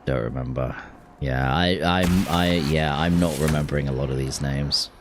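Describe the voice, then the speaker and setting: A man's voice: extremely low pitch, steady tone, normal speed, slight background noise. A man chatting casually while streaming a game, rambling and restarting his sentences. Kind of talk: casual gameplay chat with chat.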